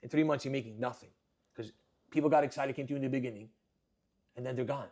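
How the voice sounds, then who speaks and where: A young man talks fast and with energy as a guest in a casual interview. He brings his stories to life by acting out customers and staff. His voice sits at an ordinary, mid pitch. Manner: animated storyteller, acts out customers and workers. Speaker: restaurant owner guest.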